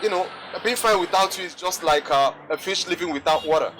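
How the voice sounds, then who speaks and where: A man's voice: high voice, fairly quick, a bit bright. Lovesick young man. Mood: pleading. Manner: pleading, emotional. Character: heartbroken young man pleading for his lover. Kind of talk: Nollywood drama acting. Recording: background music.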